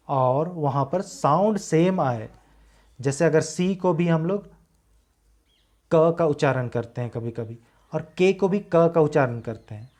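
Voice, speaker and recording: Slow, methodical male teacher. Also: on the high side, a little mellow. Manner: explains slowly, repeats key words; reads English lines slowly with stress. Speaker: English teacher. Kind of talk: slide-based lesson.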